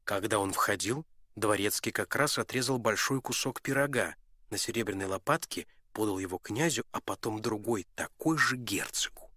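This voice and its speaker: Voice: medium pitch, moderate pace, dry recording. Storybook narrator, dry close sound. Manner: expressive, plays every character. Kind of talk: storybook reading.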